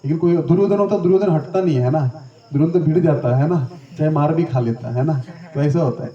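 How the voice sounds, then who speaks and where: A spiritual teacher with a voice on the high side speaks at a quick pace, giving a storytelling lecture on scripture. He keeps it chatty and conversational, often turning to ask the audience questions. The recording is roomy, distant and dull lo-fi.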